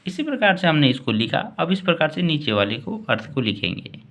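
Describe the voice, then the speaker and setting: A man teaching English words in a slow lesson, spelling each word out letter by letter and repeating it. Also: on the high side, sing-song, fairly bright tone.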